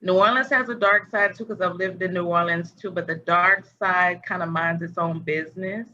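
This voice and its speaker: Over a video call, a woman hosting a podcast holds a loose spiritual conversation, wandering and groping for words. Her fairly low voice is steady, bright and forceful at a normal pace, captured in dull lo-fi audio with faint noise.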